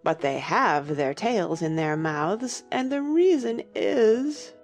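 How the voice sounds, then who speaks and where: A woman voicing a sorrowful, drowsy male Mock Turtle who speaks slowly and takes offence easily, in a dramatized audiobook. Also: medium pitch, lively intonation, soft background music. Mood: musing. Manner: slow, touchy, pedantic.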